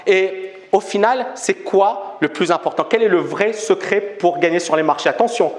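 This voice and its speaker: A middle-aged man giving a lively talk to a live audience in a large hall, asking the room questions and joking with them. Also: sits high, moderate pace. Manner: animated, asks the audience questions, jokes. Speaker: speaker giving a talk at a trading fair. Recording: echoey hall.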